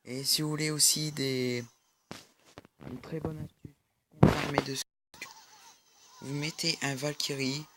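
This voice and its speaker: Against a noisy background, a young gaming YouTuber talks through a mobile game on his screen recording in a fairly high voice with little pitch movement. He's a little slow, pauses often, and his casual commentary is hesitant and full of fillers and restarts.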